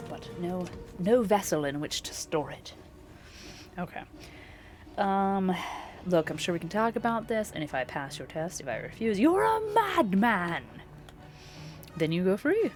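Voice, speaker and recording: A young adult woman casually commenting on a game she plays live, chatty and playful, reading viewer messages aloud. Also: fairly low pitch. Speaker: streamer. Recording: voice over loud game music.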